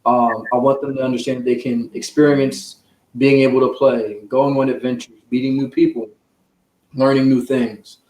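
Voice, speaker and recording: His delivery is flat, his voice mid-range and a little mellow, his pace normal. As a guest author from the United States who writes children's books and covers sports, he answers questions in an earnest, explanatory, conversational way, with echo from the room.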